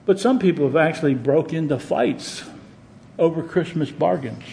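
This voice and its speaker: Man preaching, folksy humor, slightly high voice. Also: moderate pace, gravelly, warm tone, slight background noise. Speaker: pastor. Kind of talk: sermon.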